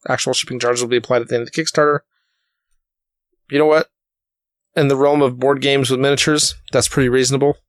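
A man's voice: medium pitch, flat delivery, quick pace, long pauses, dry recording. Man hosting a rambling podcast chat. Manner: rambling with fillers and restarts. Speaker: podcast host.

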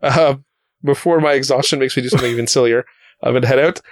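A man's voice: medium pitch, quick pace. A man hosting a casual podcast, talking in a rambling way with fillers and restarts. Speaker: podcast host.

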